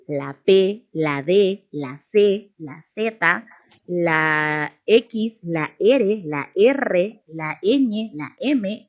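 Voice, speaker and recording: A woman's voice: a little high, darkish tone, lo-fi sound. A woman teaching a language lesson over a video, patiently spelling out letters and sounds one by one.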